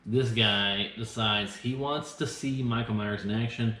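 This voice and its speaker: A man with a lowish, bright, forceful voice hosts a casual movie review show, speaking at a measured pace. He's tipsy and getting drunker, rambling through film banter with sarcasm and crude language, in an echoey, roomy recording.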